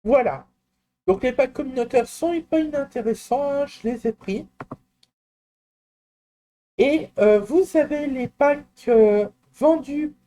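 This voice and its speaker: A man presenting a screen-recorded software walkthrough, talking in a hesitant, explanatory way with frequent fillers and restarts and personal asides. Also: very high-pitched, slow, long pauses. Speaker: tutorial presenter.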